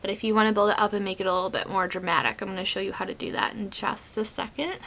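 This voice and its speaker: Her voice is medium-pitched and creaky, bright with a slight edge, and worn from a cold she's still getting over, so it fades in and out. The young beauty vlogger casually walks through her makeup routine, full of "um" and "like", seated close to a webcam in a small bedroom. A little hiss or hum can be heard.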